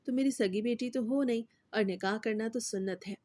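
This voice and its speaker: A woman's voice: a little high, warm tone, lightly acted. A woman doing a cruel, threatening stepfather. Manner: stern, threatening. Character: cruel scheming stepfather, a middle-aged man.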